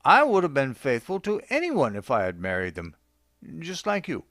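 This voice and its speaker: A man's voice: mid-range voice, huge pitch swings, normal speed, a bit bright, no room sound, clean studio sound. A man voicing a cool, cutting wife speaking over the phone.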